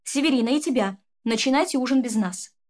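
A woman's voice: high-pitched, fairly quick, darkish tone, close to an everyday voice. A woman voicing a stern male headmaster in a storybook reading. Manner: stern, commanding.

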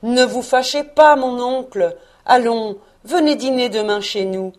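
A woman voicing a cheerful, earnest young man who pleads warmly and eagerly. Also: on the high side, a little slow, voice pushed up, natural voice. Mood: pleading.

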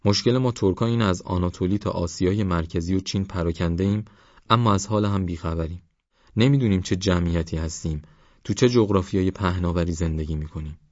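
A man voicing a proud, impatient male village schoolteacher who lectures fervently, in a deep, dull-toned audiobook recording. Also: a little mellow, no echo, natural voice.

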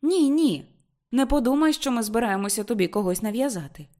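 A woman's voice: lowish voice, animated, fairly quick, darkish tone. A woman doing a cool, disapproving mother. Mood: firm, disapproving. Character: proper middle-aged mother, cool and disapproving.

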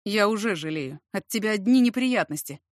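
A woman's voice: medium pitch, animated, a little fast, no room sound, studio quality, lightly acted. A woman voicing a drunk, cocky young man who taunts with a mocking drawl. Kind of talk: audiobook character reading.

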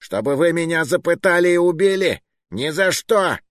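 A man voicing a fat, jittery male schemer who turns shrill and hysterical when frightened. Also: lively intonation, unhurried, no echo, clean studio sound. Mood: shrieking panic.

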